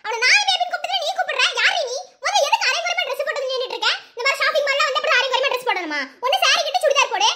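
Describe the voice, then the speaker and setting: A young woman acting a jealous, bossy young woman who scolds loudly and quickly. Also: very high voice, animated, full character voice. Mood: scolding. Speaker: comedy skit actor. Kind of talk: comic sketch acting.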